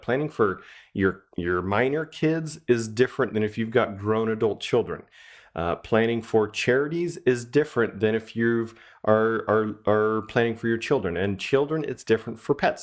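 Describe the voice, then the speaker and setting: A man hosting a radio show, telling a family story in a casual, chatty way and acting out the quotes. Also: fairly low pitch. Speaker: radio show host, estate planning lawyer.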